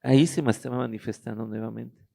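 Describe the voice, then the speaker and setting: Middle-aged man, very gravelly and dark-toned, halting personal testimony. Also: medium pitch, fairly even intonation. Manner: halting, searching for words with restarts. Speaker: guest giving a testimony.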